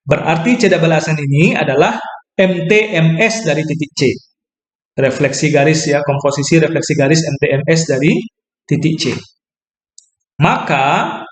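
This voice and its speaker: A man's voice: on the high side, moderate pace, reverberant. A man explaining a geometry proof as a math lecturer, thinking aloud, correcting himself and checking in with listeners. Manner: thinks aloud, self-corrects, asks "ya kan?".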